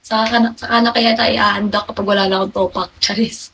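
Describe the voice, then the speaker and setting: A woman's voice: mid-range voice, little pitch movement, fast talker, vocal fry, a bit bright, a little hiss or hum, rough recording. A young woman hosting a livestream, chatting and confiding to her viewers and answering their comments by name. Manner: chatty, confiding, reads out viewer names and replies to them. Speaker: livestream host. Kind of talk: casual livestream chat with viewers.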